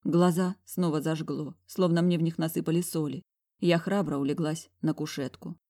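Woman narrating, low and dry. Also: fairly even intonation, moderate pace, dark tone, no echo. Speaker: audiobook narrator. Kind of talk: first-person audiobook narration.

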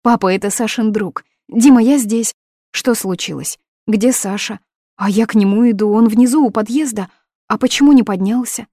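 A woman's voice: deep voice, moderate pace, darkish tone, slightly rough, no echo, studio quality. A woman voicing a desperate young woman in love, pleading in urgent outbursts. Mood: frantic.

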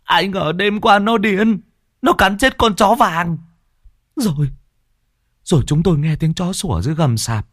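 A man's voice: measured pace, pauses often, a bit bright, no echo, studio quality. A man voicing a distraught wife who sobs and wails over her husband's injury. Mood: distraught wailing. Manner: high sobbing lament.

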